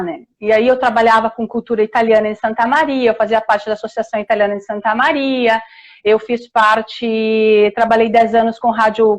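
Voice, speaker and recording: A middle-aged historian and author from Rio Grande do Sul tells her story as a guest in a casual video-call interview. Her southern Brazilian Portuguese comes in a slightly high voice, warm and chatty, full of restarts and tag questions.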